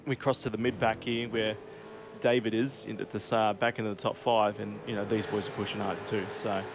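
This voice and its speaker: A man's voice: fairly low pitch, flat delivery, brisk. A man giving casual motorsport commentary as co-commentator on a sim race. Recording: constant car engine noise. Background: race cars and engine noise.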